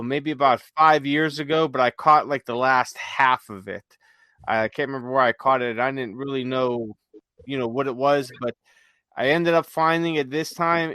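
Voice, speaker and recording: A podcast co-host with a mid-range, fairly bright male voice, recorded dry, enthusiastically recommends things during a casual chat. He repeats phrases to drive his points home.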